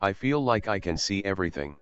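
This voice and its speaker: A man playing a monotone, flat-spoken traveler in a live role-play. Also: sits low, fairly quick, clean tone, no echo, highs cut off, faint music behind. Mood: flat awe. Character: awestruck, flat-spoken young male traveler.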